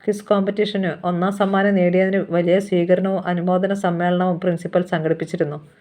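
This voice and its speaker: A storyteller from Kerala reading a serialized novel aloud in an even, measured narration. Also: medium pitch. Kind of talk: scripted audiobook narration.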